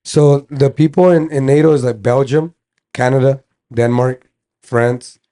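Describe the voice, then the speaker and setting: A young man co-hosting a casual podcast chat, explaining things in a halting way as he reads lists off his phone. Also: mid-range voice, fairly even intonation, mellow. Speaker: podcast co-host.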